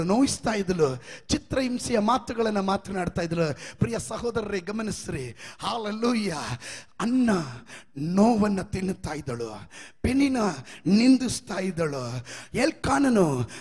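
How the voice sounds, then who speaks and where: A man preaching a sermon as pastor, chanting and shouting his lines with sung rises. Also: sits high, breathy edge, long reverb tail. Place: church hall.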